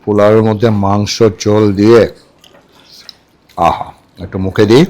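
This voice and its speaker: Chatting at a restaurant table for his food vlog, this man speaks in a lowish, slightly mellow voice with a flat delivery and moderate pace. He keeps repeating dish names and checking in with the audience.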